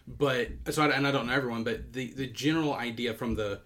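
A man co-hosting a casual podcast conversation, talking in rambling, self-interrupting stretches with quick laughs. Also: medium pitch, fairly even intonation, a bit bright. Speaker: podcast co-host.

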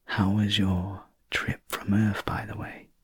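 A man in a whispered role-play as a sleep story narrator, voicing a calm, reassuring spacecraft sleep technician in a breathy, gentle whisper. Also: lowish voice, slow pace, no echo, heavily acted. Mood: soothing, attentive.

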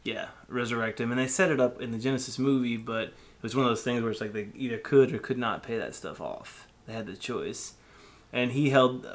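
A man co-hosting a podcast, casually explaining movie trivia and laughing at his own jokes. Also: medium pitch. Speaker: podcast co-host. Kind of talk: casual chat about movies.

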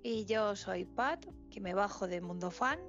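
A woman's voice: mid-range voice, a little slow. A woman co-hosting a podcast, joking around in a mock-offended way. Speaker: podcast co-host. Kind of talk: casual chat. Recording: dull lo-fi sound with faint music.

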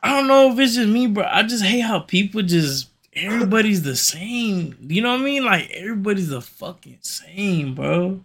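Creaky, higher-voiced young man, frat-bro slang. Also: animated, moderate pace, hardly any pauses, fairly bright tone. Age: young adult. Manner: emphatic and repetitive. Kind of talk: casual chat, ranting.

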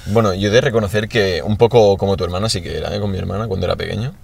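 A man chats in a relaxed, easy way. He swears freely and closes nearly every phrase with a slangy address to his friends. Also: low-pitched, very fast, creaky, husky. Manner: laid-back, peppered with "tío" and swearing. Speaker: podcast co-host. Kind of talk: casual chat.

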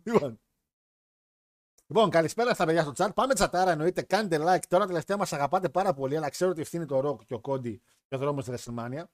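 A man hosting a live wrestling chat stream, talking in a joking, rambling way. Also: fairly high pitch. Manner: chatty, joking, rambling with restarts. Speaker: wrestling podcast host.

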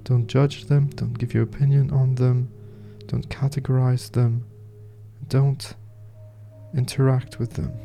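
Man, very dark relaxed tone, soft soothing delivery, guided meditation narration, gentle music behind. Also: medium pitch, unhurried, creaky. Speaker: meditation podcast host and guide.

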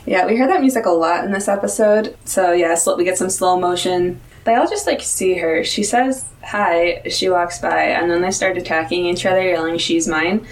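A woman's voice: on the low side, moderate pace. A young woman hosting a podcast, chatting and recapping with friends in a giggly, talkative way. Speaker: podcast host. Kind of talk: casual chat. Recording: distant mic.

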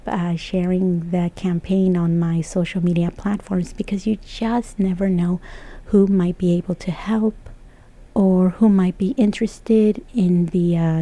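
A woman from El Salvador hosting a solo podcast, earnest and thankful, often slipping into a soft, breathy half-whisper. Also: fairly low pitch. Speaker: podcast host.

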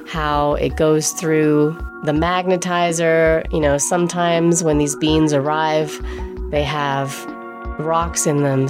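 This woman's voice sits low and is a little mellow as she chattily recounts her personal story. An England-raised pastry chef, she laughs frequently and acts out conversations with the people she encountered.

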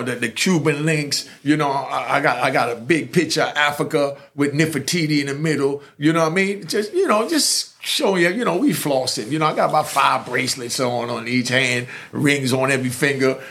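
With a mid-range, slightly bright voice, a man from New York works as a storyteller host. He rambles through a long street story in casual conversation, dropping in many fillers and starting over repeatedly.

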